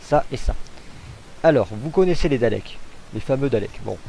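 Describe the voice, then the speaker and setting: A man's voice: medium pitch, expressive, normal speed, creaky, dark tone, a little hiss or hum, rough recording. A man casually commenting on gameplay as he demonstrates a game mod, chatty and hesitant, thinking aloud with fillers. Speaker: gamer showcasing a mod.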